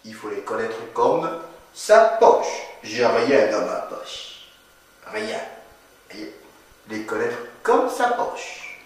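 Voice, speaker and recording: Slow, lively man teaching in an echoey room. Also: on the low side, distant mic. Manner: slow, repetitive, lively classroom drilling with questions. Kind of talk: grammar lesson drilling conjugations.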